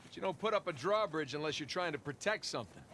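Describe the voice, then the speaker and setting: A man's voice: on the high side, quick pace, a little hiss or hum. An actor playing a curious adventurer pointing out what he spots along the way. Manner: lively, observant.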